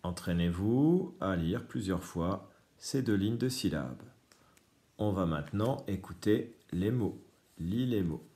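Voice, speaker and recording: A man's voice: sits low, animated, takes it slowly, dark tone. A man teaching a reading lesson to young children, patiently explaining each word. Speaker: primary school teacher.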